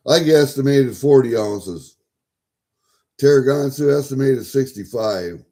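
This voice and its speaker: A man chatting casually to viewers as a livestream host, folksy and sweary, thinking out loud as he goes. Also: mid-range voice, lively intonation, measured pace. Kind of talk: casual rambling chat to viewers.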